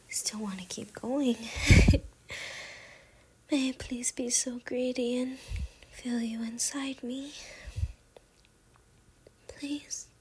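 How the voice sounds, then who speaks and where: Woman, ASMR roleplay, breathy close-mic whisper, high voice, unhurried delivery. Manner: soft breathy whisper, intimate and pleading. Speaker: ASMR performer.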